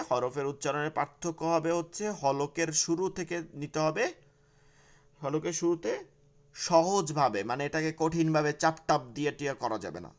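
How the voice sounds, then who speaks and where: A man teaching an online class on pronouncing the letters for Quran reading. He repeats each sound slowly and asks and answers his own questions. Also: medium pitch.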